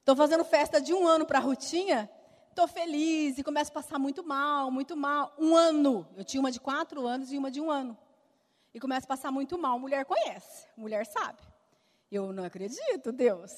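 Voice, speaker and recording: A middle-aged Brazilian woman with a high voice tells her personal testimony to a church audience. She tells it vividly and acts out the remembered conversations. Her voice carries a long reverb from a large hall. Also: fairly quick. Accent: Brazilian Portuguese. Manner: lively storytelling, acting out remembered dialogue. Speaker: speaker giving a testimony.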